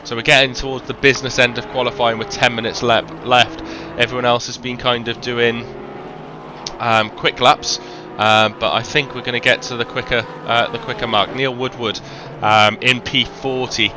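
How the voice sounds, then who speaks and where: A man's voice: mid-range voice, little pitch movement, normal speed, background noise. A man with a faint Welsh accent doing live sim racing commentary, chatty, with lots of ums and self-corrections. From Wales.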